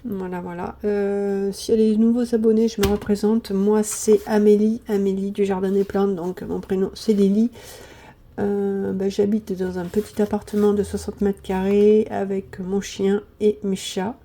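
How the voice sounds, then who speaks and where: A woman's voice: mid-range voice, flat delivery, normal speed, mellow. A woman, chatting casually to viewers about her weekly budget, full of fillers and repeated "voilà, voilà". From southern France. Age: 50s. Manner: chatty, hesitant, many fillers. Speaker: budgeting vlogger.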